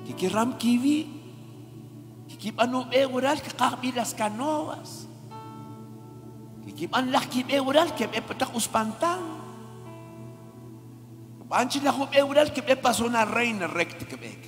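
A woman preaches a fervent sermon in a church hall. Her high, bright voice takes its time and then climbs into shouts as she calls on the congregation. Long reverb and soft music fill the space around her. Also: expressive, a little slow, pauses often.

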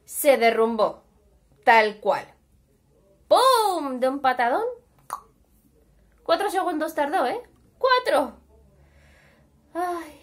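Spanish woman, children's storyteller, animated, high voice, chatty. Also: takes it slowly, long pauses. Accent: Spanish (Spain). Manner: animated, chatty, addresses the kids.

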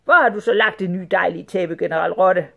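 A woman voicing a huge, greedy male sultan who shouts his threats. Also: fairly low pitch, gravelly, muffled recording. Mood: bellowing.

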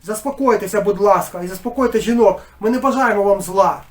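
A man voicing a flustered middle-aged village council head who shouts orders and pleads for calm. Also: high voice, a little fast, natural voice. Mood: pleading. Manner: shouting, commanding.

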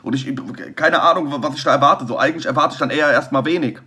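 A man's voice: on the high side, fast, bright, forceful tone. A man hosting a casual reaction commentary, rambling and joking as he judges rap flows, often restarting his sentences. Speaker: host reacting to rap battle entries.

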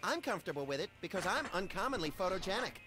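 A man's voice: high-pitched, very animated, quick pace, sharp tone, faint music behind, heavily acted. An actor voicing a gleeful, mischievous, manic little male rabbit in a cartoon video game.

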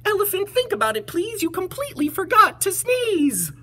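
A woman's voice: extremely high pitch, big pitch swings, moderate pace, a bit bright, voice pushed up, full character voice. A woman voicing a cheeky, bossy little gray mouse in a storybook, exclaiming insistently in rhyme. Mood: cheeky, teasing.

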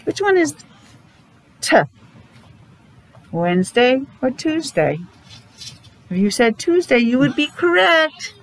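High-pitched and sing-song, a middle-aged woman takes her time leading small children through a morning meeting, leaving long pauses between simple questions. She's a preschool teacher wearing a face mask that slightly dulls her voice. A device mic at about arm's length records her in a noisy classroom.

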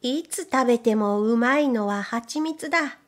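Brief: a contented bear cub from a storybook who mumbles to himself while licking honey, slow and drawn-out, voiced by a woman. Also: fairly high pitch, natural voice. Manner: contented, savoring. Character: happy little bear cub, greedy for honey.

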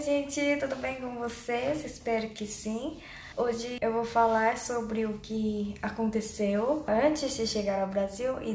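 A woman's voice: on the high side, darkish tone. A young woman from South Korea with a Korean accent tells her story casually to camera, choosing simple, careful phrases in a second language. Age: young adult. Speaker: vlogger. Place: small bare indoor room. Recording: roomy echo, faint background noise.

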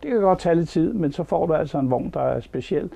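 A man's voice: fairly high pitch, animated, creaky, warm tone. An older man plainly giving his opinion on a caravan while seated inside it. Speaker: caravan reviewer. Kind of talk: casual product review. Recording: slightly dull recording.

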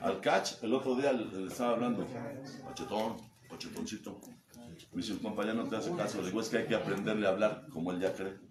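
A man with a Mexico City accent and a lowish voice talks fast, barely pausing. As a sponsor addressing a recovery group meeting, he delivers a vulgar, mocking, humorous testimony and mimics the voices he quotes; the recording is echoey with background noise.

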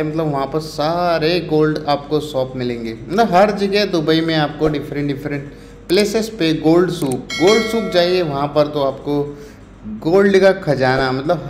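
A man's voice: on the high side, a little hiss or hum. A man from India walking through a night market outdoors, talking casually to viewers with lots of fillers and English words mixed in. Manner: chatty, many fillers, mixes Hindi with English words. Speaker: travel vlogger. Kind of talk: casual walking vlog narration. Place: busy city street market at night, outdoors. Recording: echoey street with faint ambience.

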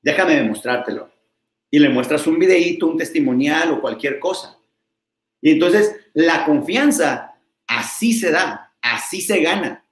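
Energetic Mexican man coaching on sales. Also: fairly high pitch. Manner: energetic, quick, acts out customer dialogues. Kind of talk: live sales coaching talk. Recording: roomy echo.

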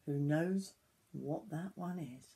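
In a small wooden summerhouse, a woman in her sixties reads a picture book aloud to young children the way a grandmother would. Her low, warm, husky voice is expressive, stretching out words and adding little asides to the listener.

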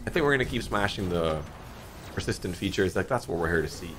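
A man in his thirties giving casual, excitable commentary while playing an online slot game, often swearing and jumping up in pitch at big moments. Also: quick pace, a little hiss or hum. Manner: excitable, swears a lot, frequent pitch jumps. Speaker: slot streamer. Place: dim home streaming room, indoors.

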